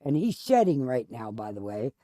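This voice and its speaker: A woman's voice: extremely low pitch, sing-song, normal speed, warm tone, no room sound, clean studio sound. A woman hosting a gaming video, chatting casually and candidly in a rambling, storytelling way while she plays. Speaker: gaming channel host. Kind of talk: casual chat while playing a game.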